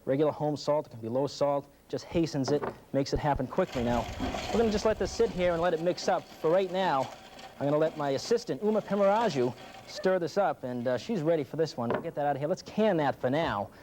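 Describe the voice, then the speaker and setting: A man's voice: a little high, expressive, brisk. A man presenting weather live on TV with informal, folksy, chatty patter. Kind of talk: live folksy demonstration and forecast. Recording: faint background noise.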